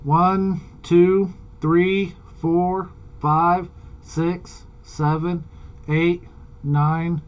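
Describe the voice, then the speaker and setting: A man doing a slow radio check over a mistuned sideband CB radio, counting and calling out. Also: sits high, level tone. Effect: mistuned sideband CB radio transmission. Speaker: CB radio operator. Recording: muffled CB radio with loud static.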